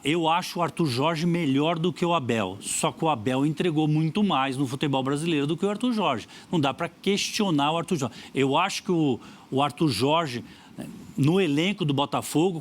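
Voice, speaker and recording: A Brazilian man giving football opinions in a lively debate, stressing points by repeating phrases. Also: fairly high pitch, normal speed. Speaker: football pundit.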